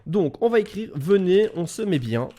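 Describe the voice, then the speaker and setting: A man's voice: sits high, big pitch swings, moderate pace, warm tone. A Belgian man with a Belgian French accent, casting a live esports match from a home setup into an XLR studio microphone, chatty and joking with his viewers in the chat. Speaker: esports caster. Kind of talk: live game commentary.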